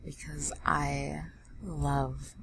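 A young adult woman giving teasing orders in a breathy whispered role-play, close to the microphone. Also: flat delivery, very slow, slight background noise. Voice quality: breathy whisper mixed with low soft voice.

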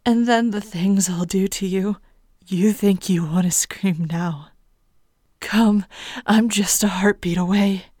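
Woman doing a cruel teasing succubus, unhurried purring whisper, dry close-mic sound. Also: mid-range voice, fairly even intonation, darkish tone, no echo. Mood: menacing, gloating. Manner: slow, breathy whispering, purring and taunting. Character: seductive predatory female succubus, teasing and cruel. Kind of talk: whispered erotic audio roleplay.

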